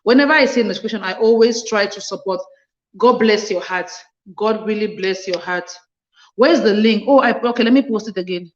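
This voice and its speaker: An earnest woman hosts a casual livestream, reading viewer comments aloud and replying, repeating phrases to stress them. Her voice sits mid-pitch and carries a roomy echo. The sound is muffled and dull, like a home stream on a phone mic. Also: a little fast. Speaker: livestream host.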